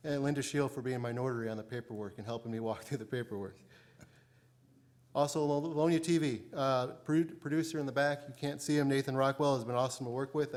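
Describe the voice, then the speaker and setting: A man moderating a candidate forum in a city hall auditorium, brisk and full of thank-yous. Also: medium pitch, a little mellow.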